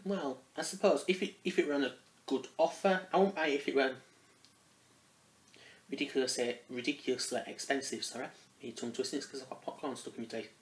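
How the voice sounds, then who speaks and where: A man's voice: a little high, quick pace. A man giving a casual spoken product review, rambling and hesitant, often restarting his phrases. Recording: roomy echo.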